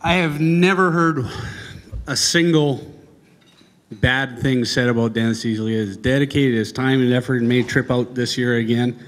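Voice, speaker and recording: A man giving an informal, halting awards speech in front of an audience, with a casual, folksy manner. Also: mid-range voice. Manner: casual, folksy, halting with frequent ums and pauses. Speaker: event speaker presenting awards. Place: large banquet hall. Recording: echoey hall over PA, long reverb.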